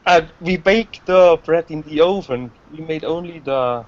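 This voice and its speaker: A man learning English who talks in a halting way and searches for words while telling a story. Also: a little high, muffled recording. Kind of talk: casual class chat.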